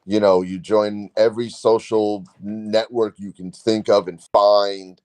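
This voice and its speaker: A man's voice: on the low side, little pitch movement, a little slow, darkish tone, no echo. A man in his forties, a guest on a podcast, telling his story in a rambling way, acting out what he said and often laughing. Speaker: guest comic writer. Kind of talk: casual podcast chat.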